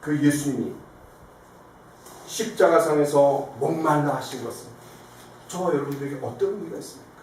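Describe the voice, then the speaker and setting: A man's voice: on the high side, normal speed, long pauses. A man preaching a sermon as pastor, telling stories animatedly and asking the congregation questions. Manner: animated storytelling, acting out quoted lines. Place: church sanctuary. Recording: echoey hall, distant mic, faint noise.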